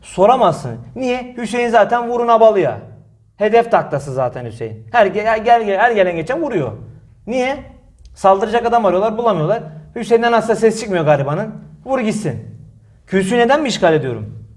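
A young man preaching in a mosque, answering a critic forcefully, with many rhetorical questions and repeated phrases. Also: sits high, animated, fairly quick. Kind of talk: heated religious talk, defensive.

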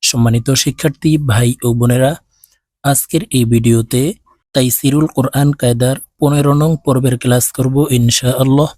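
A man with a Bangladeshi accent teaching Quran reading, spelling out Arabic words letter by letter and drawing out each syllable slowly. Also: mid-range voice, fairly even intonation, a little mellow, no echo, studio quality. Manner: slow drawn-out recitation of each word.

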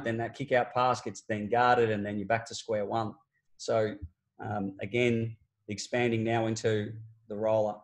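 Male basketball coach, 40s, explaining plays over a webcam call, casual and explanatory with frequent ums. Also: medium pitch. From Australia. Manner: conversational, explanatory, frequent fillers and restarts. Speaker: basketball coach presenting a clinic. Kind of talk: online coaching clinic talk over game video. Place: small office at home. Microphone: laptop webcam on a video call.

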